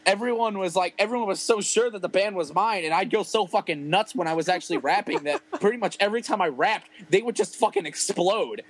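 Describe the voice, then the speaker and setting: A man's voice: high voice, brisk, hardly any pauses, a little hiss or hum, poor audio. A man casually telling a rambling, profane story about playing a show with his rap group, full of fillers.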